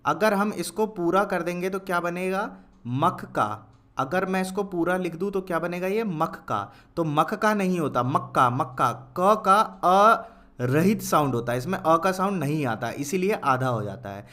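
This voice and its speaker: A young man teaching Hindi spelling, dictating each word slowly, repeating it and quizzing the listener. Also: sits high, fairly bright tone. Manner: dictates words slowly, repeats each, asks "kya hai?". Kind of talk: slow dictation lesson.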